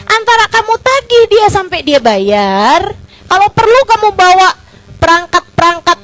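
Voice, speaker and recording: Seorang ustazah perempuan bersuara tinggi menyampaikan ceramah agama dengan santai. Ia banyak bertanya retoris kepada pendengar dan memakai kata pengisi sehari-hari. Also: female voice, very high-pitched, moderate pace, poor audio. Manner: chatty, asks rhetorical questions; lively with colloquial fillers. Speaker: Islamic religious teacher (ustazah). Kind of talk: casual religious lecture.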